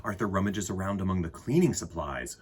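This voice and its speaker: This story-time host is a man with a low voice and lively intonation who talks fairly quickly. He reads and chats with expressive enthusiasm, speaking right to the children, while a faint hiss or hum sits underneath.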